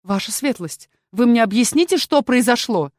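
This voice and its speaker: A woman's voice: a little high, animated, moderate pace, a little mellow, no room sound, clean studio sound, pitched above the performer's own voice, close to an everyday voice. A woman voicing Henry, an anxious male court physician who is easily flustered.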